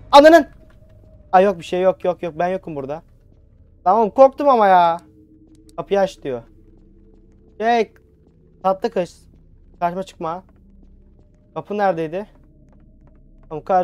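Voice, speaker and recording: A man's voice: high voice, darkish tone, clear, resonant tone, no room sound. A young man commentating a horror video game he plays, nervous and jumpy, talking back to the game on a headset mic. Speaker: gaming channel host. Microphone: new headset mic.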